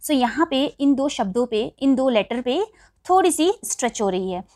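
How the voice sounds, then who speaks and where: Indian lady teaching english vowels, spells words out slow, kinda high voice, dry close sound. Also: lively intonation, darkish tone, no room sound. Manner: spells words out letter by letter, then repeats them slowly. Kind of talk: explaining vowel sounds in Hindi.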